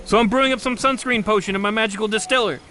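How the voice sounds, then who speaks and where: A man's voice: high voice, fairly even intonation, racing, sharp tone, faint music behind. A man voicing a quirky, laid-back forest wizard in a cartoon who rambles offhandedly. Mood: rambling. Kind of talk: cartoon voice acting.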